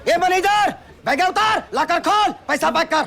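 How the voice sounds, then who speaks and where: A brash bumbling crook. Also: male voice, extremely high pitch, quick pace. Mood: blustering. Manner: brash, excitable, rough street slang. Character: bumbling small-time male crook in disguise. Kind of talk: film comedy acting. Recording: film soundtrack with music behind.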